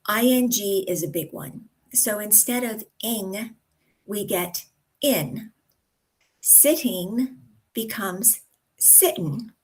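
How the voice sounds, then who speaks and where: An American woman coaching pronunciation, speaking deliberately and drawing out example words with careful articulation. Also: a little high, low-quality recording. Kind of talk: instructional talk to camera.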